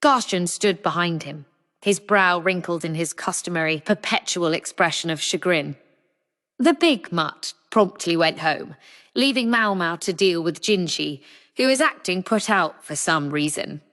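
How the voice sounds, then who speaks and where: A woman reading a novel aloud as an audiobook narrator, measured and even. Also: lowish voice, long reverb tail.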